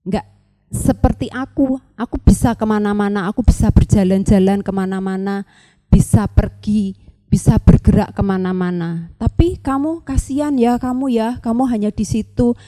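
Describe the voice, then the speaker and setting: A woman's voice: mid-range voice, fairly even intonation, moderate pace, mellow, lightly acted. A woman voicing a boastful ant who mocks a cocoon in a children's story. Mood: mocking. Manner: teasing, then begging for help. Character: boastful mocking ant, later pleading.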